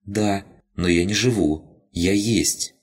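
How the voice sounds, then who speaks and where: A man's voice: low-pitched, slow, husky, pitched above the performer's own voice, full character voice. A man voicing a tiny, frightened male creature that lives in a crystal, talking in broken, childlike short phrases. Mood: earnest.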